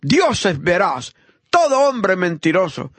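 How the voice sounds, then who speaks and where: A man preaching a fervent sermon, swinging between loud high exhortation and low murmured praise, acting out the voices of the people in his story. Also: very animated, slow, husky, no room sound. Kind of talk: impassioned sermon.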